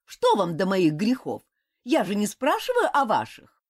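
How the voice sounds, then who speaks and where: A woman voicing a young novice monk, tired and defiant, trying to sound loud and sure. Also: medium pitch, wildly swooping pitch, unhurried, pitched above the performer's own voice, heavily acted.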